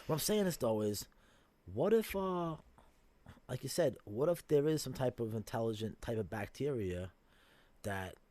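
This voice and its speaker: A man's voice: mid-range voice, lively intonation, normal speed, warm tone. Rambling, cursing podcast host man. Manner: rambling, speculative, swears freely. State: coughing from smoking. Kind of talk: casual chat.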